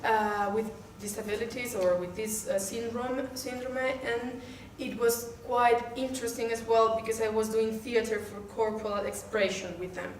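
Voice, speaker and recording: Speaking English with a Spanish accent, this woman from Malaga, southern Spain, gives a group an informal self-introduction at a workshop, hesitantly looking for words. Her voice is on the high side, steady, at a normal pace with hardly any pauses, and the distant-mic recording sounds roomy with slight noise.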